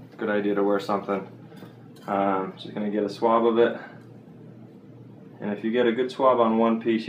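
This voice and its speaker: Recorded close on a handheld camera mic, a young man offers a plain, casual how-to in an unfinished basement bathroom, full of fillers and corrections. As a DIY instructor, he speaks on the low side, with background noise in the recording.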